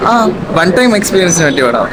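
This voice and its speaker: A man's voice: a little high, big pitch swings, fast. A man giving a casual review on the street. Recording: clear outdoor street noise.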